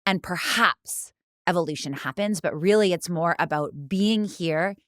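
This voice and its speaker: Speaking unhurriedly in a lowish voice, this fitness studio co-founder muses in casual conversation, stringing long reflective thoughts together with plenty of "like" fillers. No room sound is audible.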